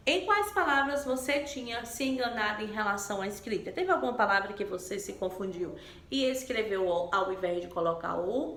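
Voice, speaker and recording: Woman teacher from Brazil, slow and patient with young pupils, gravelly tone, echoey room. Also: mid-range voice, a bit bright, slight background noise. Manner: slow, patient, coaxing questions to children. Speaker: primary school teacher. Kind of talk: remote class lesson explanation.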